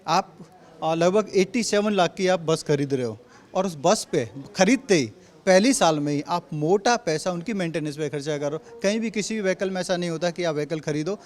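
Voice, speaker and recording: A man's voice: high-pitched, normal speed. A man from Delhi, a party spokesperson, answering interview questions assertively and hammering his points home in Hindi with a Delhi accent. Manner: assertive, repetitive rhetorical points.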